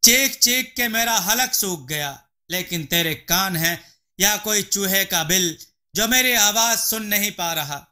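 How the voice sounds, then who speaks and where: A man's voice: sits high, expressive, slow pace, sharp tone, exaggerated voice. A man voicing an arrogant, harsh rich landlord who scolds and sneers at those beneath him. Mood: exasperated. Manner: scolding, contemptuous.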